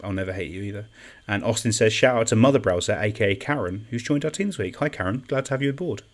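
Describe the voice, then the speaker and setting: Hosting an online quiz on a live stream, a young man speaks quickly in a chatty, self-deprecating way, reading comments aloud and repeating every question. His voice sits on the low side.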